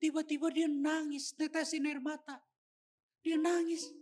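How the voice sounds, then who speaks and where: A man preaching a sermon, telling a personal story with acted quotes and lively delivery. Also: very high voice, unhurried, soft background music. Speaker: pastor.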